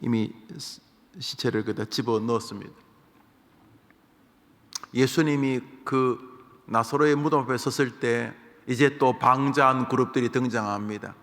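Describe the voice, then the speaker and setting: A male pastor with a gravelly voice delivers a morning devotional sermon in a church. He asks his listeners rhetorical questions, and a long hall reverb trails his words. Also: mid-range voice, unhurried, fairly bright tone.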